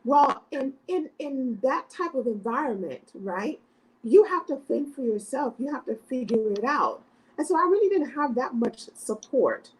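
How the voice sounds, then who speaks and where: A woman's voice: high-pitched, lively intonation, moderate pace, slightly rough, rough recording. A middle-aged woman from South Florida, an educator speaking as a podcast guest in an earnest, emphatic way, often adding "right?". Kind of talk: podcast interview.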